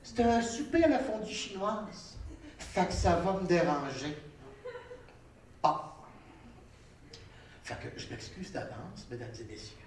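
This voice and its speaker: Very high-voiced Québécois comedian on stage. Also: male voice, slow pace, long pauses, distant mic, slight background noise. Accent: Québécois French. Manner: animated, theatrical, breaks into shouts and sing-song. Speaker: stand-up comedian. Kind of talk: live stand-up storytelling. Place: theatre stage. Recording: roomy live stage sound from off-mic.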